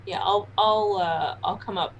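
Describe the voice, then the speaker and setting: A woman's voice: mid-range voice, measured pace, highs cut off, a little hiss or hum. A woman chatting casually as a player at a tabletop game.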